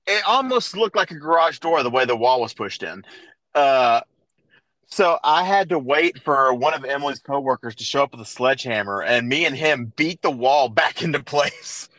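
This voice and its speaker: Bright-voiced rambling man telling a story. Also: mid-range voice, expressive, normal speed, no echo, poor audio. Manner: rambling storyteller, many restarts and fillers. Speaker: podcast host. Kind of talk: casual chat.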